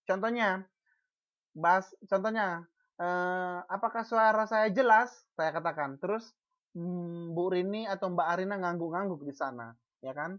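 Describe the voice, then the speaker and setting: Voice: medium pitch, measured pace, pauses often, fairly bright tone, lo-fi sound. A teacher giving an online class lecture, asking the class questions and answering them, with frequent false starts and repeated syllables. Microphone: video call.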